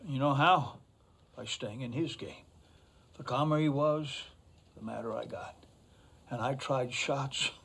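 A man's voice: mid-range voice, a little hiss or hum, lightly acted. An actor in his seventies playing a wise, firm, folksy golf mentor in a film, speaking plainly and instructively. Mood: reflective. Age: 70s. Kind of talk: naturalistic film acting.

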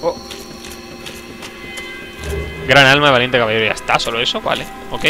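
Racing through his commentary at a medium, steady pitch, a young streamer jokes and chats about the game he's playing. He talks to himself and erupts in sudden outbursts, with game music in the background.

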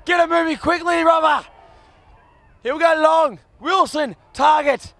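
A man calling a football match live, rattling off players in clipped bursts and shouting at big moments. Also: extremely high pitch, measured pace, dry recording. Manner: clipped bursts of names and actions. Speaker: football commentator. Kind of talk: live play-by-play commentary. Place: commentary box at an outdoor ground.

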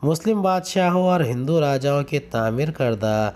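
A male school teacher with a slightly high, darkish voice and lively intonation reads from a textbook at a moderate pace. He covers questions and answers point by point, instructionally calling out each numbered item.

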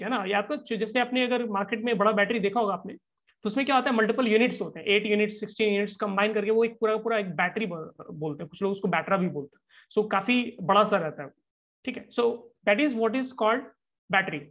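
A teacher running a live online class, talking in an easygoing way and often pausing to check that the students are following. The voice sits in an ordinary middle range. The stream audio is a little dull and lo-fi. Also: medium pitch. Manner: conversational explaining with frequent checking-in tags. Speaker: physics teacher.

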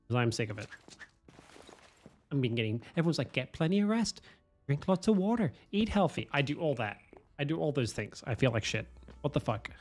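A man streams a game from home over a headset, hoarse and losing his voice from a cold. In a mid-range voice, he swears, mocks himself, and jokes around with chat in casual live-stream talk.

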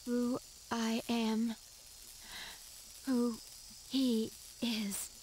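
A soft, slow android girl. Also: on the high side, level tone, a little hiss or hum, poor audio. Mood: sorrowful. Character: solemn female android girl, quiet and remorseful.

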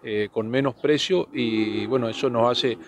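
Un hombre de unos cuarenta años con acento del norte argentino, entrevistado al aire libre, titubea y repite palabras. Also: male voice, mid-range voice, a little slow. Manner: hesitant, repeats words, frequent tag questions. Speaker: farm association official being interviewed. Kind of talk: spontaneous news interview. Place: outdoors under trees. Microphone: handheld reporter microphone.

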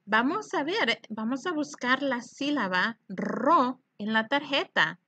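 A woman teacher giving a children's reading lesson, drilling syllables slowly and deliberately. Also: high voice, expressive, sharp tone, slightly rough, no echo, lo-fi sound.

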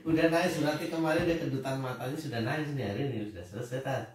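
A man's voice: medium pitch, quick pace. Playful father in an echoey room. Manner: playful, teasing. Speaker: father in a family vlog. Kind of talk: casual family chat. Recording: echoey room, mic far off.

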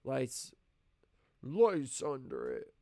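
A man's voice: medium pitch, huge pitch swings, drawn-out words, gravelly, dark tone, no echo, studio quality. A man, a screenwriter, reading his own script aloud on a live stream and correcting himself as he goes. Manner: reading stage directions aloud, self-correcting.

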